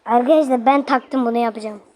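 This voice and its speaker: A woman's voice: on the high side, fairly even intonation, quick pace, a little hiss or hum. A woman giving casual gameplay commentary, chatting to her viewers and bursting out in frustration when she fails. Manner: chatty, addresses viewers constantly, loud frustrated outbursts. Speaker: gaming video host.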